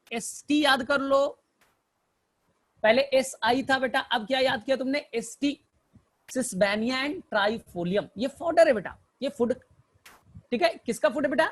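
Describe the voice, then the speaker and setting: A man's voice: extremely high pitch, fairly bright tone. A male teacher giving a botany lecture through mnemonic stories, who keeps calling his students "beta" and asks and answers his own questions.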